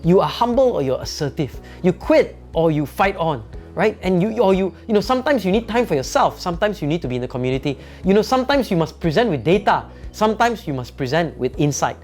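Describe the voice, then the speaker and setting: A man's voice: sits high, sing-song, fast talker, darkish tone, soft background music. A man, a company founder giving an emphatic motivational talk on leadership, often adding "right?" tag questions.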